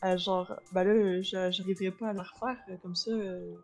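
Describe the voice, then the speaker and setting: A woman's voice: mid-range voice, fairly even intonation, moderate pace, a little mellow, faint music behind. A young woman chatting casually on a stream, hesitant and full of fillers, often trailing off. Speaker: companion on the stream. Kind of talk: casual chat.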